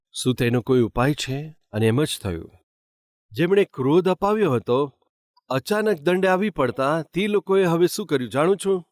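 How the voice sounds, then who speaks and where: A man's voice: on the high side, dry recording, studio quality. A man preaching a sermon as pastor, asking his listeners rhetorical questions. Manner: asks the congregation rhetorical questions.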